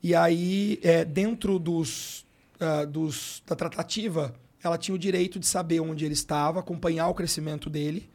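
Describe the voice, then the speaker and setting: Speaking at a moderate pace in a fairly high, steady, slightly mellow voice, a middle-aged man with a Brazilian Portuguese accent shares an emotional personal story. He's a sports coach chatting casually and with slang as a guest on a podcast.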